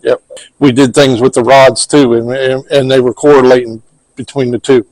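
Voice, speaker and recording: A man's voice: medium pitch, level tone, normal speed, darkish tone, dry recording, rough recording. A man retelling a paranormal session in casual talk, quoting his own questions. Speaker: paranormal investigator. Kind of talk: casual recap of an investigation.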